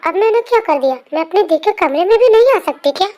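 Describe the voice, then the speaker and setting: A woman's voice: very high voice, lively intonation, fast talker, dark tone. A woman voicing a cheeky, whiny teenage younger sister in a fan story narration, talking with a pout. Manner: whiny, pouting. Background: faint music.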